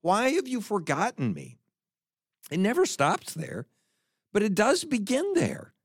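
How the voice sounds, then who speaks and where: Male preacher, high lively voice with wide swings, dry close recording, reads scripture with emphasis. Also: unhurried, no echo. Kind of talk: sermon on scripture.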